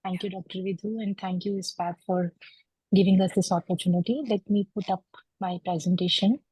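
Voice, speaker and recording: A woman explains medical genetics in a steady, methodical way, often pausing with an "uh." Her voice has a slightly husky, mellow tone. She comes through a computer mic on a video call, and the sound is dry and close with no room echo. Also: medium pitch. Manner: measured, explanatory, with frequent uh fillers. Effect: heard over a video call. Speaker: clinical geneticist presenting a webinar lecture. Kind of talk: medical lecture.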